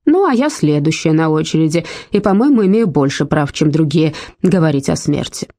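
A woman voicing a blunt, sharp-tongued woman of eighty-six in a read-aloud story, with a husky, dark voice. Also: deep voice, animated, brisk, no echo, studio quality. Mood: cutting. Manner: blunt, cutting. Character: rude sharp-tongued 86-year-old woman.

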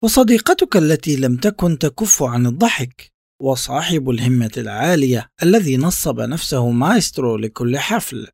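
A man reading a reflective first-person literary text in a measured, contemplative way. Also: medium pitch, lively intonation, creaky, a little mellow, breathy edge, no room sound, studio quality. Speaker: narrator.

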